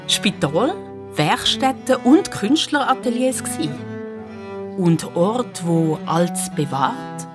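A woman with a Swiss German accent narrates a children's radio play in a mid-range voice, explaining things like an engaging storyteller.

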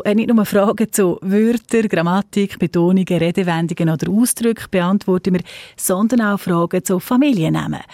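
A woman's voice: fairly low pitch, a little mellow, no room sound. A woman with a Swiss German accent, a radio host reading out a listener's question and leading into the next item in a studio.

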